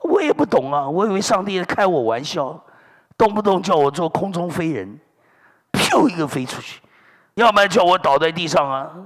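A man's voice: high voice, normal speed. A middle-aged male pastor preaching a sermon, telling stories with lots of energy and dropping in hallelujahs and amens. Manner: animated storytelling preacher, sprinkling hallelujahs and amens. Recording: long hall reverb.

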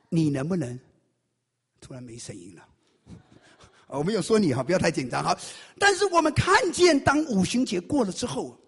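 A man preaching a sermon with a high, gravelly, husky voice. His pitch leaps all over as he tells the story and quizzes the congregation. The sound has a long reverb tail from a big hall. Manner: quizzes the congregation with rapid questions; animated storytelling.

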